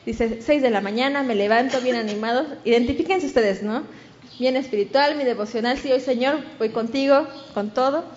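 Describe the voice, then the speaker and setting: A woman's voice: fairly high pitch, normal speed, a little mellow, muffled recording, a little hiss or hum. A woman with a Mexican accent preaching a sermon, telling a story and acting out the voices of the people in it.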